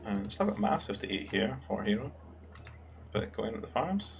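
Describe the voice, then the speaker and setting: A young man casts a strategy game match in a relaxed, musing voice that sits fairly low. He thinks aloud as he goes, with plenty of fillers. A faint hiss runs under the home recording. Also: normal speed, creaky. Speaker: game caster. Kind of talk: casual esports commentary.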